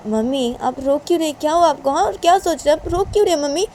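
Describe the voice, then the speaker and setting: A woman's voice: high voice, lively intonation, fast talker, a little mellow, slight background noise, pitched above the performer's own voice. A woman doing an insistent young daughter. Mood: pleading. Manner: pleading, insistent questioning.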